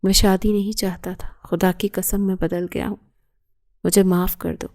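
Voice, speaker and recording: A woman's voice: mid-range voice, little pitch movement, darkish tone, lightly acted. Woman reading as a remorseful pleading young man.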